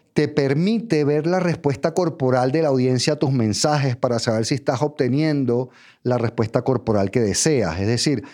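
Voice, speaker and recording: A man giving a public speaking lesson, talking straight to the listener in numbered steps and checking in with a quick "ok?". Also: medium pitch, a little mellow. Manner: direct, addresses listener as tú, numbered steps, frequent "¿ok?". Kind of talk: instructional talk.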